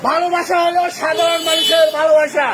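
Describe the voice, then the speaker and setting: An older man with a Bangladeshi accent giving an impassioned political street speech in a loud, booming, declamatory voice. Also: little pitch movement, a little fast. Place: outdoors on a busy city street. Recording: noisy outdoor street, crowd and traffic.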